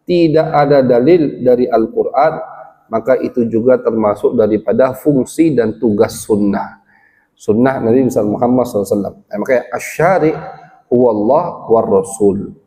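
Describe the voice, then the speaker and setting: Male religious teacher, study lecture, Arabic quotes explained, mellow voice, echoing hall. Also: medium pitch. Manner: explains slowly, quotes Arabic text then translates. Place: village gathering hall. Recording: long hall reverb.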